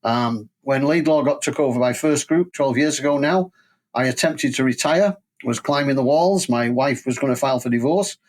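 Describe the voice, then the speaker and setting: An older Mancunian man from England, president of a safety training company, appears as a podcast guest. With a mid-range voice at normal speed, he tells stories about his career in a conversational way.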